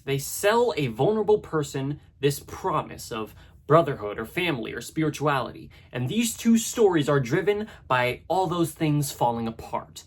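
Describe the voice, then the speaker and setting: A man narrates a scripted video essay in a conversational, analytical tone, with casual asides. His voice is husky and mid-pitched.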